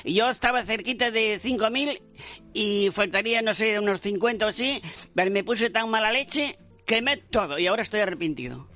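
A man's voice: high voice, brisk, sharp tone, soft background music. A man with a Vigo Galician accent, a humorist guest rambling through his stories in a radio interview. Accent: Galician Spanish, Vigo. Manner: rambling, hesitant storytelling.

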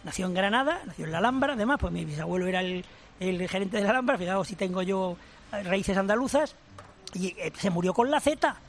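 High-voiced older professor explaining. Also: male voice, lively intonation, brisk, slight background noise. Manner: emphatic, explanatory, addresses host formally. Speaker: language professor and author. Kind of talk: radio interview guest.

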